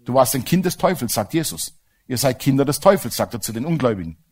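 A man's voice: medium pitch, very animated, fast, darkish tone. A man preaching a sermon with emphasis and humorous asides, often asking the congregation for agreement.

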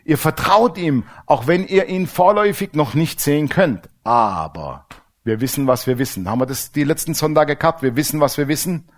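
A middle-aged pastor preaching a sermon, lively, acting out little dialogues. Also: male voice, fairly high pitch, fairly quick, hardly any pauses.

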